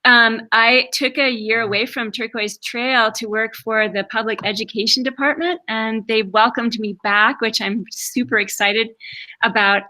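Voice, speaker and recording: Bright, excited woman teacher. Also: on the high side, low-quality recording. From New Jersey, USA. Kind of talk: school meeting on a video call. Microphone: video call.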